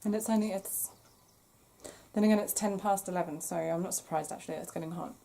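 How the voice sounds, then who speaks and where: A woman hosting a crochet podcast, chatting casually to camera with a croaky throat she keeps clearing, apologetic and self-deprecating. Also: on the low side, brisk, warm tone. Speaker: podcast host.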